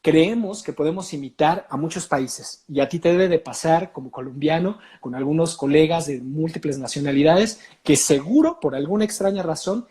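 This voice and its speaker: A man with a Mexican accent, a voice coach talking in an interview, explaining in an animated way with many filler sounds. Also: fairly high pitch, normal speed, hardly any pauses. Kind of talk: casual interview talk.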